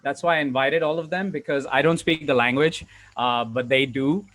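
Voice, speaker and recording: A mid-range, slightly bright male voice with fairly even intonation and a moderate pace belongs to a public speaking trainer and coach from Hong Kong. He delivers an earnest, enthusiastic personal testimonial to an online group, and the video call is noisy with an uneven level.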